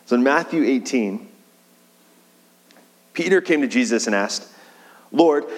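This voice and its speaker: A man preaching a sermon in a relaxed, conversational way, shifting his pace and leaning on key words. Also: mid-range voice. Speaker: pastor. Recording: long reverb of a large hall.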